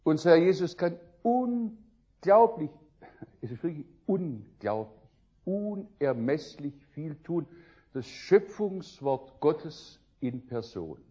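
An older man preaching a sermon, telling stories with lively swings between loud outbursts and quiet musing. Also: a little high, slow, slightly rough, muffled recording.

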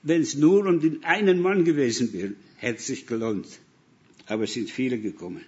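Man, Dutch accent, sermon storyteller, mid-pitched voice, muffled sound. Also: moderate pace, a little mellow. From Netherlands. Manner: storytelling, acts out dialogue. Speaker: missionary preacher. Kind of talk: sermon with anecdotes.

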